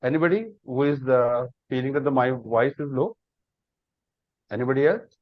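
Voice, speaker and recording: Dull, dry, lo-fi audio from an online class captures a man with a mid-range voice speaking at a moderate pace. He teaches cloud computing live, explaining step by step and leaning on repetition and rhetorical questions.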